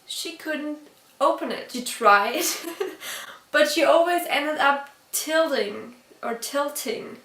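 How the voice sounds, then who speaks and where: Casual girl with a high voice doing a storytime vlog, laughs a lot, kinda far from the mic. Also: lively intonation, slow pace, fairly bright tone, slight background noise. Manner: chatty, laughs often between sentences; checks her own pronunciation aloud. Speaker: vlogger. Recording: roomy echo from a distance.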